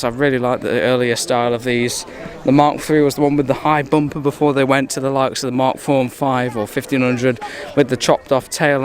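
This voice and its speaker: An English man giving casual, enthusiastic walkaround commentary at an outdoor car show, chatty and a little rambling, recorded on a handheld camera mic. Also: medium pitch.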